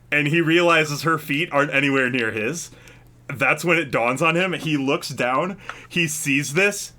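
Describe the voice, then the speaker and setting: A man's voice: on the high side, sharp tone. A man narrating as game master of a tabletop game, rambling with fillers and frequent laughs.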